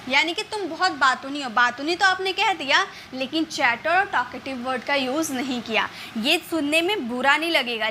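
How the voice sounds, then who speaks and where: Woman, casual English vocabulary teacher, high voice, repeats words, faint room noise behind. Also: sharp tone. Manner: explains slowly, repeats words, many fillers. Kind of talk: casual spoken lesson.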